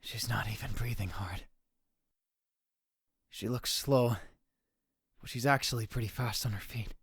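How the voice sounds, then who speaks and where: Heavily acted and recorded with studio quality and no room sound, a man's husky, slightly bright voice at medium pitch moves at a measured pace. He is the fan dub's narrator and lead, portraying a young male student shaken by a murder. The visual novel's tense first-person inner monologue often drops to a whisper.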